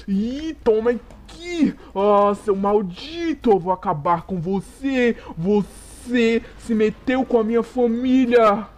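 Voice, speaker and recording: A man voicing a protective father Tyrannosaurus, fierce and grieving, loud and impassioned. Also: extremely high pitch, animated, slow pace, few pauses, heavily acted. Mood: furious protective.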